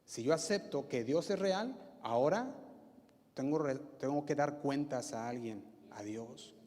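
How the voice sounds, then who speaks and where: A man's voice: mid-range voice, animated, unhurried, dark tone. A male pastor with a Mexican Spanish accent preaching a sermon, using emphatic repetition and rhetorical questions. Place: church hall. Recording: reverberant church hall.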